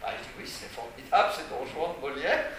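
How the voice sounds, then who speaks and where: Man, slightly high voice, halting storytelling, stumbles and repeats, distant mic, echoey room, background noise. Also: big pitch swings. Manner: halting, many repeated words and fillers. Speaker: theatre director. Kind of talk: storytelling anecdote.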